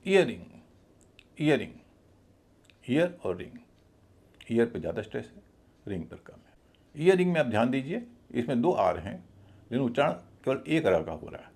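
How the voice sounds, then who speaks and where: A man teaching a pronunciation lesson, his gravelly, raspy voice rising and falling in a lively way. He talks slowly and deliberately, spelling words out letter by letter and repeating each one. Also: medium pitch. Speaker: English teacher. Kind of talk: spoken language lesson.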